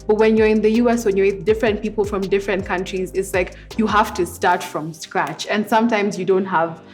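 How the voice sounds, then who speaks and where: A woman's voice: medium pitch, fairly even intonation, a little fast, a little mellow, soft background music. A woman of twenty-one, a guest in a casual chat, speaking earnestly and putting weight on key points. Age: 20s.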